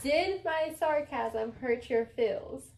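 A woman vlogger playing a whisper challenge game with her sister-in-law, mouthing phrases slowly and deliberately. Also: sits high, darkish tone. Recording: echoey room with background noise.

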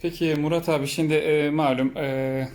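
A man's voice: a little high, fairly even intonation, moderate pace, darkish tone. A man hosting a casual vlog tour and interview in a car repair workshop, talking with frequent hesitation fillers. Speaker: host touring a car repair shop.

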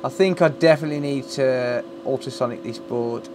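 A man's voice: medium pitch, brisk. A British man chatting casually as he works, with blunt, sweary, joking banter. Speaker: repairer hosting a live stream. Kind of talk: casual chat while working. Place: indoor electronics repair workbench. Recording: clearly noisy workbench live-stream recording.

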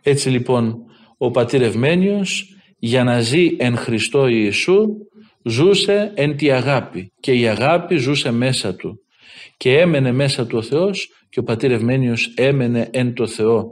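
A man's voice: mid-range voice, animated. A man, a Greek Orthodox priest, giving a sermon that retells stories and raises his voice for quoted speech. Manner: retells anecdotes, lifting his voice for quoted lines. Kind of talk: sermon with storytelling.

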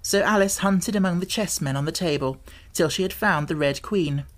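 A woman narrates a children's classic for an audiobook, telling the story expressively in a fairly low voice at a moderate pace.

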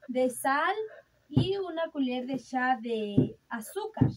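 Holding her phone camera, a young woman with a high-pitched voice gives a casual show-and-tell tour of her rural mountain home. She talks straight to viewers in a chatty, slow, explanatory way, with a noisy background behind her.

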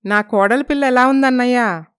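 A woman's voice: a little high, normal speed, smooth, voice pushed up, close to an everyday voice. A woman voicing a caring, anxious middle-aged mother in a storybook. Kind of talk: storybook narration.

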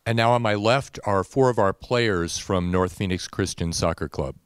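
A man's voice: on the low side, normal speed, smooth, dry recording. A middle-aged man introducing guests as host of a soccer club event, speaking plainly into a handheld microphone indoors. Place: indoor room.

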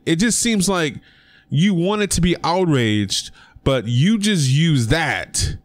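A man's voice: mid-range voice, no room sound. A young man talking casually on his own vlog, giving his opinion with emphatic rhetorical questions. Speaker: sports commentary vlogger. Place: indoor room.

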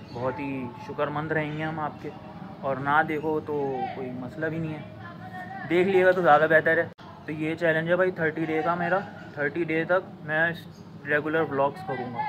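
A young man vlogging casually to the camera on a home rooftop. He talks slowly and draws things out, stumbling over his words. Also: fairly high pitch. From Pakistan. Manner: slow, drawn-out talk that stumbles over words. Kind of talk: casual vlog talk to camera. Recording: noisy outdoor background.

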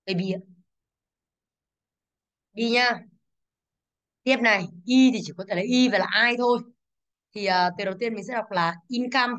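A woman teaching an English exam class, going briskly through the answers, stressing each English word and asking the class to confirm. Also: mid-range voice, a bit bright.

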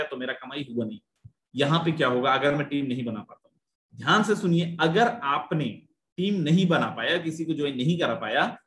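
A man presenting an investment plan in a persuasive sales pitch, repeating figures and mixing in English phrases. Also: fairly bright tone, roomy sound.

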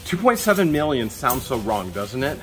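A man's voice: mid-range voice, very animated, normal speed, fairly bright tone, soft background music. Eager man hunting through a storage unit. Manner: eager, joking, talks while working with his hands. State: sweating. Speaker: vlog host. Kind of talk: excited casual chat while unboxing. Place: large metal storage unit, indoors.

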